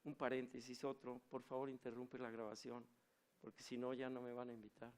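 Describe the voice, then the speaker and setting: This pastor's voice is smooth and medium-pitched, moving a little fast. His sermon is animated, built around storytelling and questions posed to the congregation.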